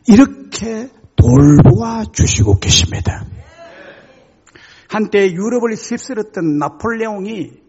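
A male pastor preaches, telling his stories dramatically with lively swings in pitch. His voice is rough and husky, with a gravelly edge. The recording sounds dull and lo-fi. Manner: dramatic storytelling with sudden emphatic swings. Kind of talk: sermon.

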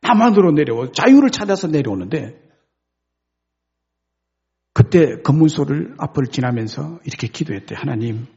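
A male pastor preaches with a raspy, gravelly voice. His pitch swings widely as he tells the story in a lively, chatty way. The recording is dull and lo-fi. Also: normal speed, pauses often. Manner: animated, conversational retelling. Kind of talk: sermon storytelling.

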